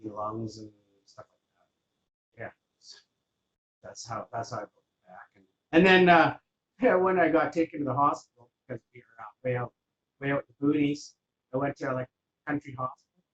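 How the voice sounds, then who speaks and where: Man, mid-pitched voice, casual interview storytelling, relaxed and rambling, lots of fillers, dull lo-fi audio. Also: moderate pace, pauses often. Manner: relaxed and rambling, with many fillers like "you know". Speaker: interview guest.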